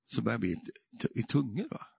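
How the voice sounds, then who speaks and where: A man with a gravelly, husky voice preaches a testimony, telling his story with many tag questions. He builds to fervent, emphatic declarations, and his voice sits close and dry in the recording. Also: mid-range voice, sing-song, dry recording. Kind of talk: sermon testimony.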